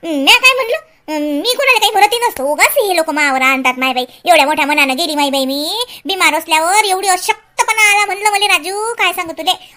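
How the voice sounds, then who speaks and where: A woman's voice: very high voice, pushed and bright. A woman playing a chatty, self-pitying old village grandmother, rambling, preaching and complaining in sing-song exclamations. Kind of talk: comic sketch acting.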